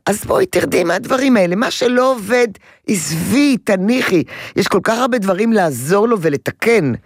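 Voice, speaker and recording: A woman's voice: medium pitch, lively intonation, no room sound, studio quality. A woman advising a caller on parenting, emphatic and repeating words for stress. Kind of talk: radio call-in advice.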